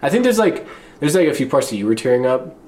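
A man's voice: mid-range voice, very animated, fast, darkish tone. A young man on a casual podcast, telling stories in a laid-back, slangy way. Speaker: podcast co-host. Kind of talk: casual chat. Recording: roomy room with faint background noise.

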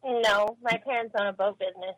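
A woman's voice: mid-range voice, fairly even intonation, fairly quick, fairly bright tone, dry recording, poor audio. A woman calling in to a radio show, giving short, eager, giggly replies. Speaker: caller. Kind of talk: phone-in conversation.

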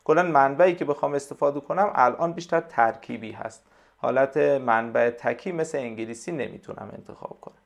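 A man, a language tutor, talking casually in an interview and explaining things hesitantly with many pauses and fillers. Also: mid-range voice, gravelly, highs cut off. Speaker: language tutor, podcast guest.

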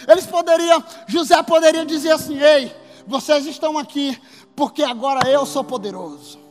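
A man preaching a sermon as pastor, emphatic and building to shouts. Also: very high voice, moderate pace. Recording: long hall reverb with faint music.

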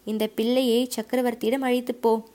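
A woman's voice: on the high side, flat delivery, fairly quick, warm tone, natural voice. A woman voicing a proud, hot-tempered middle-aged male fort commander in an audiobook, speaking brusquely and with suspicion. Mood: eager, commanding. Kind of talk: audiobook character voice.

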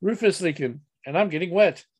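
A man hosting a casual podcast, playfully reading knock-knock jokes in a deadpan way. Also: high voice, fairly quick, slightly rough, dry recording. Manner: playful, deadpan joke delivery with groans. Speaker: podcast host.

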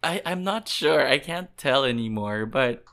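Bright-voiced man hosting a podcast. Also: medium pitch, animated, measured pace, creaky. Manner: playful, laughs often, reads recipe blurbs aloud. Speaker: podcast host. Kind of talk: casual chat.

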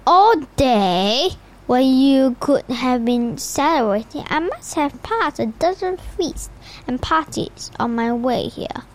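A mild, kindly old wizard headmaster, voiced plainly by a woman reading a storybook aloud. The delivery is slow and halting, with stumbles and restarts. The voice sits high and swings widely in pitch. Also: animated. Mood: gentle. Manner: halting read-aloud with slips. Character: elderly wise male headmaster wizard, gentle.

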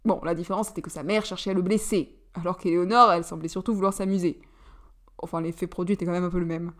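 A woman reading a story aloud, narrating at an even, steady pace. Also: lowish voice, fast.

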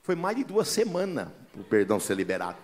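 A man's voice: medium pitch, fairly quick, a little hiss or hum. A man preaching a sermon as a pastor, telling folksy stories and often calling listeners "brother". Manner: lively, acts out the voices in his stories.

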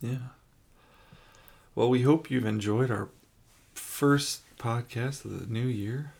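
Gravelly male podcast host with a cold. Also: mid-range voice, takes it slowly, a little mellow. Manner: joking, laughing, swearing casually. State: runny nose, sneezing and coughing. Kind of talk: casual podcast chat.

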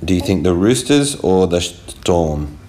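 A man's voice: sits low, sing-song, a little slow, mellow, roomy sound, slight background noise. An Australian man, around his thirties, hosting a casual podcast and talking patiently in simple questions with a small child. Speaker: podcast host.

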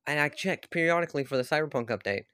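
A man's voice: on the high side, quick pace, clean tone. A man delivering a casual, rambling rant about video games, swearing often and laughing at himself. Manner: swearing, animated, self-deprecating, laughs often. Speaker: YouTuber ranting about games.

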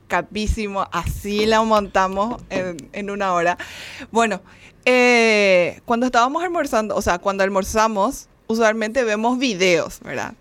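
A woman's voice: medium pitch, a little slow, fairly bright tone. Young woman rambling through anecdotes. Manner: rambling anecdotes with many fillers. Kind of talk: casual chat.

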